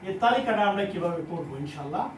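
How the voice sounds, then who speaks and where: A man with a Bangladeshi Bengali accent teaching a classroom lesson, repeating each point slowly. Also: high voice, animated, noisy background. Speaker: language teacher. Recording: echoey room, mic at a distance.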